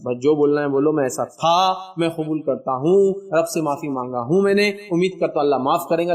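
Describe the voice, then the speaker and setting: A man's voice: a little high, a little mellow, distant mic. A man giving an emphatic, exhorting motivational lecture, mixing English words into his Urdu. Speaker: religious lecturer.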